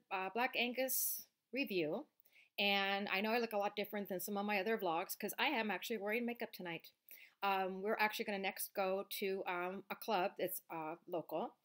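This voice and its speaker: A woman's voice: medium pitch, fairly bright tone. A middle-aged woman vlogging from her couch, reviewing a restaurant meal in a rambling, chatty way with plenty of fillers, recorded on a webcam mic. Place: living room, seated on a couch indoors.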